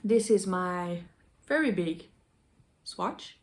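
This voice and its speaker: Casting: woman craft vlogger, unscripted, hesitant, conversational show-and-tell, mid-pitched voice, rain falling on the roof behind. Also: slow. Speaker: knitting vlogger. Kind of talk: casual chat to viewers about knitting projects. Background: rain pouring on the roof.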